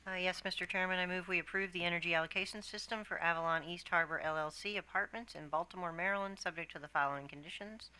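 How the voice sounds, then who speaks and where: Female commissioner, brisk and businesslike, low register with a clear edge of brightness, formal procedural delivery. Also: fairly even intonation, rough recording. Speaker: commissioner at a public meeting. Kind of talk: formal meeting questions and motion.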